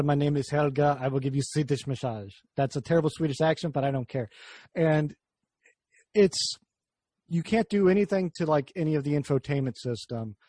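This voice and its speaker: A man's voice: fairly high pitch, a little mellow, dry recording. A man hosting a casual car podcast, talking in a rambling, jokey way that keeps interrupting itself. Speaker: podcast host.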